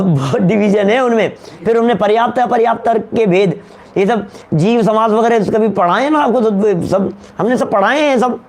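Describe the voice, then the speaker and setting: A man giving a religious teaching lecture, repeating key terms, slowing down to stress them and asking his listeners questions. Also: high voice, a little mellow. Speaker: Jain scholar giving a discourse.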